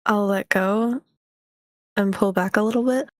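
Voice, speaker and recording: A woman's voice: mid-range voice, steady tone, measured pace, no echo, studio quality. A woman playing a tabletop role-playing game, chatting casually and speaking for her character.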